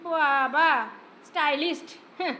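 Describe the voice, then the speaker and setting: A woman's voice: sits high, fairly even intonation, unhurried, background noise. A woman vlogging at home, teasing and coaxing in a sing-song baby-talk manner with playful exclamations. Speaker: family channel vlogger. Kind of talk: playful home video chatter.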